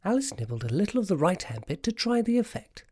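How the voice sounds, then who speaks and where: Lively, dry-sounding storybook narrator. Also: medium pitch, fast talker, breathy edge, no room sound.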